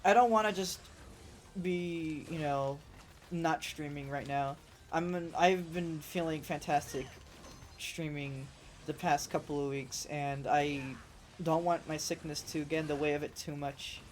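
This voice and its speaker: A woman game streamer with a sore, rough throat, chatting in a rambling, casual way and swearing freely while she plays. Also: low voice, fairly even intonation, unhurried, slight background noise. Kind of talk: casual let's-play commentary.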